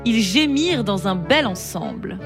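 Expressive woman reading a children's tale. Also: mid-range voice, measured pace. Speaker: storyteller. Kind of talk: storybook narration for children. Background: background music.

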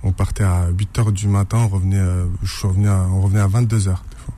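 A man's voice: low-pitched, little pitch movement, fast talker, dark tone, slight background noise. A man from France, a guest author in a radio interview, speaking hesitantly with many fillers and restarts.

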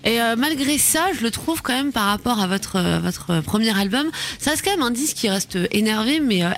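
A woman's voice: on the high side, lively intonation, normal speed, fairly bright tone, slight background noise. A woman with an accent from France hosting a casual radio interview in an informal, conversational way. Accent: French from France. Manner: informal, conversational, reacting to guest.

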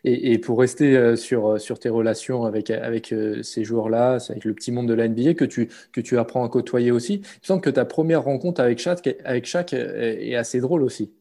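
A male interviewer leads the conversation with follow-up questions, hesitating with a few fillers. His voice is dark and mellow. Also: mid-range voice, steady tone, a little fast, hardly any pauses.

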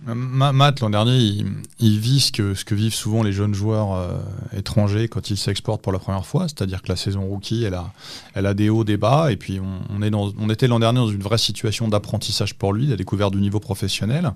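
A low-pitched man talks through his work as an assistant basketball coach in a podcast interview. He explains things in a measured way and slips in some dry humor. His voice sounds close and dry, with no room around it. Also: fairly even intonation, darkish tone, no echo.

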